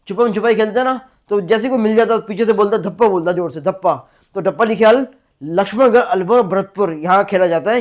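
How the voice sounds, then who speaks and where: A male teacher with a Rajasthani accent gives an exam-prep lecture, asking "clear?" again and again and repeating facts to drill them. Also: high-pitched. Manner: asks the class "clear?" again and again.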